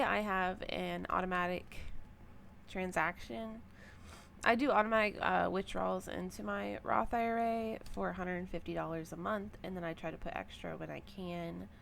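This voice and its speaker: A woman's voice: on the low side, creaky. A young woman, scratchy from just waking up, talking through her budget in a rambling casual vlog with many ums and likes. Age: young adult. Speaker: personal finance vlogger.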